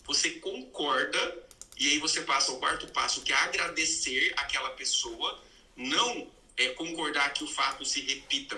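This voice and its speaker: A man with a very bright, sharp voice walks through his points step by step like a teacher. He sits some way off the microphone in a roomy space, so the sound comes back with an echo. His pitch sits a little higher than most men's. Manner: didactic, lays out numbered steps. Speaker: host, explaining spiritual healing steps. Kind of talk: live-streamed conversation. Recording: roomy, distant mic.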